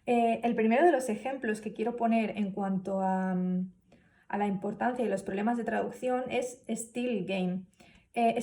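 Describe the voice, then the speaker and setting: A woman's voice: medium pitch, dark tone, distant mic. A woman giving a spoken class presentation, hesitant, with many fillers and restarts. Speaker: student presenter.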